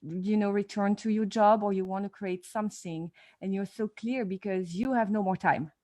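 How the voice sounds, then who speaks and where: A woman's voice: medium pitch, fairly even intonation, normal speed, mellow. Enthusiastic woman hosting a live video interview. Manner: enthusiastic, eager. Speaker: host. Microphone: video call.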